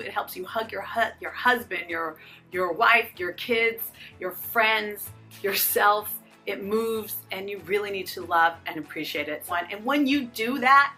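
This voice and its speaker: A woman in her fifties, a fitness and lifestyle YouTuber, talks casually and straight to her viewers in an upbeat, encouraging way. Her voice is medium-pitched, pushed and bright.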